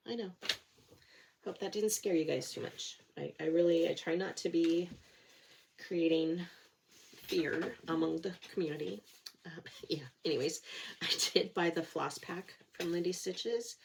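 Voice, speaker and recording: A middle-aged woman, nasal from a cold and with a sore throat, chats to camera about her cross-stitch work in a lowish, creaky, slightly mellow voice. She's animated yet a little slow, leaving long pauses, and she rambles self-deprecatingly with many fillers. There's slight background noise.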